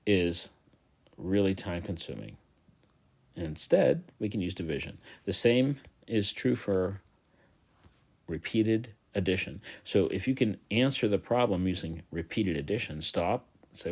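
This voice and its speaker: Deep-voiced guy teaching a math review over a whiteboard, jokey asides, walks through steps slow. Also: creaky, darkish tone, husky. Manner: chatty, joking asides, repeats steps slowly. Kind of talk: recorded math review lesson. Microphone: tablet voice-over of a whiteboard.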